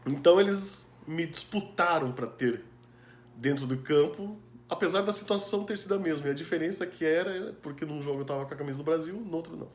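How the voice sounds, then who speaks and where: A Brazilian man with a Brazilian Portuguese accent tells a personal story in a loose, chatty way, his fairly high voice moving at a brisk pace. He laughs often and scatters asides and tag questions through this casual storytelling. The recording has a roomy echo and faint ambience.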